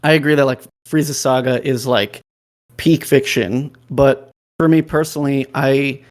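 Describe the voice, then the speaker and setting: A man's voice: medium pitch, fairly even intonation, normal speed. A man with an ordinary mid-range voice speaks on a fan podcast panel. He thinks aloud in a reflective way, filling his sentences with "like.". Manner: reflective, heavy use of "like". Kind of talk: casual chat.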